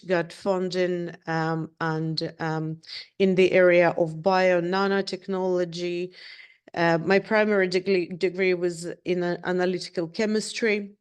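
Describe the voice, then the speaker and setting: A middle-aged woman from Ukraine, not an English speaker, giving a halting presentation on a video call with many fillers and restarts. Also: lowish voice, level tone, smooth. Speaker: researcher presenting at an online event.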